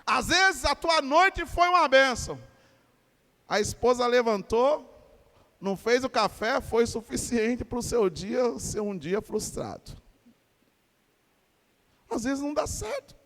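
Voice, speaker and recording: A man's voice: very high-pitched, slow, pauses often, long reverb tail. A Brazilian man preaching a sermon to his congregation, asking them questions and urging them to answer back. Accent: Brazilian Portuguese. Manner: animated preaching with call-and-response to congregation. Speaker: pastor. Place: church.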